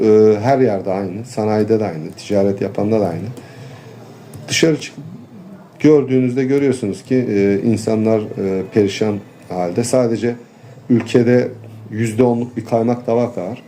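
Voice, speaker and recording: A man gives an earnest street interview in a warm, dark voice. He complains steadily and halts now and then with fillers, over a faint hum of outdoor noise. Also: medium pitch. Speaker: interviewee, farmer and local official.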